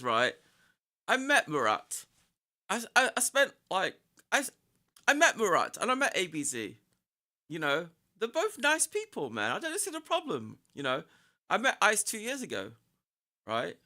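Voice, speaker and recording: A woman's voice: medium pitch, huge pitch swings, normal speed, pauses often, pushed and bright. A woman with a boyish voice chatting casually on a livestream, rambling and often repeating or breaking off her phrases. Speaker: live streamer.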